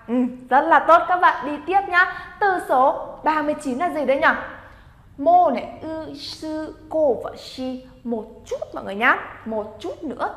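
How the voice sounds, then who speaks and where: A woman teaching Japanese vocabulary, encouraging her students and drilling words aloud for them to repeat. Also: sits high. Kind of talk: language lesson. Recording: echoey room with long reverb.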